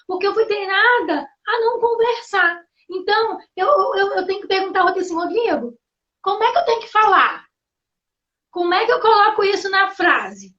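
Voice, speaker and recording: A woman hosting a faith livestream, sharing a personal testimony in an earnest, halting way with many restarts. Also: very high voice, fairly bright tone. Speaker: host. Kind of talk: live testimony. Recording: muffled lo-fi livestream audio.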